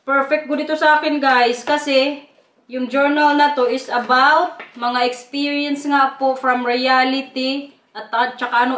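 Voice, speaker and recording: A woman with a Waray accent vlogging in a casual, chatty way, her high voice carrying a roomy echo. She keeps turning to her viewers as she talks, a mother sharing her day. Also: fairly bright tone. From Eastern Visayas, Philippines. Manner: chatty, keeps addressing viewers as "guys", with frequent laughs.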